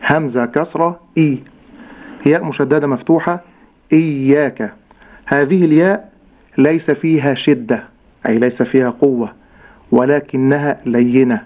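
A man teaching correct Quran recitation, slowly sounding out each syllable and contrasting right and wrong pronunciation. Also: mid-range voice, darkish tone, lo-fi sound. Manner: slow, deliberate, models sounds syllable by syllable. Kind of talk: tajweed pronunciation lesson.

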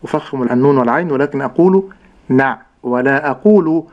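A man teaching correct Quran recitation, slowly sounding out each syllable and contrasting right and wrong pronunciation. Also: medium pitch, highs cut off. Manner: slow, deliberate, models sounds syllable by syllable. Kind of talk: tajweed pronunciation lesson.

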